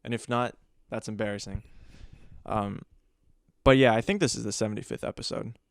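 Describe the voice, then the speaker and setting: A man's voice: on the low side, steady tone, normal speed, creaky, no echo, clean studio sound. A young man hosting a podcast alone, rambling in a jokey, self-mocking way. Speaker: podcast host. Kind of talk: casual solo podcast chat.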